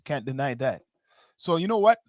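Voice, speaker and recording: A man's voice: medium pitch, sing-song, moderate pace, no echo, studio quality. A man with a Toronto slang accent in a casual discussion, explaining his points step by step and often checking in with "right?". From Toronto, Canada.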